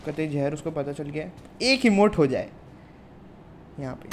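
A young man with an Indian accent plays a mobile shooter on stream, keeping up easygoing banter and greeting viewers as "guys" and "brother." His fairly high voice has lively intonation at a normal speed, with a slight hiss or hum in the audio.

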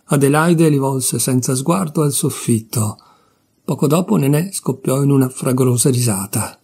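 A man reading a classic novella aloud in a measured, expressive narration. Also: mid-range voice, vocal fry, breathy edge. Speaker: reader of literature.

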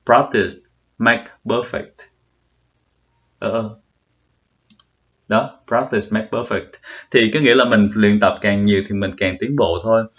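A young Vietnamese vlogger offers a chatty, casual pronunciation lesson, saying words again as he checks himself. He has a lowish voice with fairly even intonation, a measured pace, and long pauses. The sound is dull and lo-fi.

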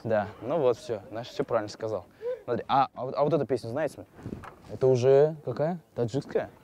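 A man's voice: mid-range voice, a little fast. A man in his twenties hosting a travel show outdoors, talking in a casual, spontaneous and chatty way. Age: 20s. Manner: animated, chatty. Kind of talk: casual, spontaneous on-location presenting. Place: outdoors on location.

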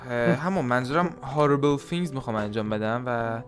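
Joking man playing a game. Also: medium pitch. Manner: joking, excitable, swears freely. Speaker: gaming video host. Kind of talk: casual let's-play chat. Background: game music.

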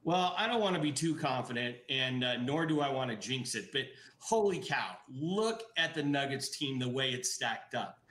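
Animated and fairly bright, this middle-aged man discusses his brewery over a video call from an indoor office, his medium-pitched voice moving at normal speed with hardly any pauses. He's eager but keeps using fillers and restarting, and the webcam audio sounds roomy.

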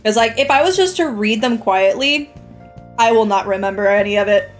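A woman's voice: mid-range voice, lively intonation, a little fast, faint music behind. A young woman streaming a game, chatting casually with her viewers, laughing often and swearing freely. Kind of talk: casual gaming commentary.

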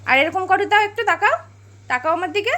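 Mother for a home vlog, high and bright, speaks softly to a toddler with gentle scolding. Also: animated, fairly quick. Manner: gentle coaxing, mildly scolding. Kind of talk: home vlog, talking to a small child.

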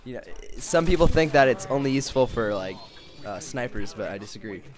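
A teenage boy talks through his own gameplay in a casual commentary. His voice sits at an ordinary middle pitch, relaxed and explanatory, full of likes and ums. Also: brisk, soft background music. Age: teens. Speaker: player explaining his game.

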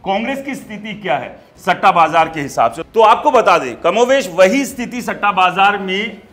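High-voiced man presenting political news. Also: normal speed. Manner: animated, gesturing while standing and talking to camera. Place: studio in front of a large screen.

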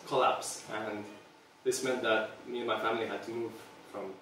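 A man's voice: fairly low pitch, fairly even intonation, moderate pace, pushed and bright, heavy reverb, slight background noise. A man in his thirties from Serbia giving an earnest talk to a small audience, hesitating often with ums, recorded by a far camera in a meeting room. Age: 30s. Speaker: product designer giving a talk. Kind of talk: public presentation.

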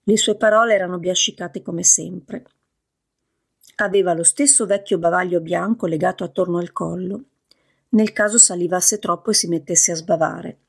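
Casting: female audiobook narrator, even storytelling, husky timbre. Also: lowish voice, moderate pace. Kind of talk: scripted narration.

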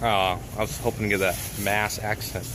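A man's voice: fairly low pitch, flat delivery, normal speed. A middle-aged man, chatty and upbeat, narrating a casual vlog to a handheld camera. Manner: chatty and upbeat, talks to viewers as he goes. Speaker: vlogger and truck driver. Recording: noisy handheld recording.

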